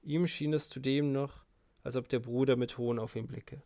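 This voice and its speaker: A male narrator reads a classic novel in a solemn, measured voice. His tone is gravelly and sits at a middle pitch. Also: steady tone, warm tone. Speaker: audiobook narrator. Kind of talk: literary audiobook narration.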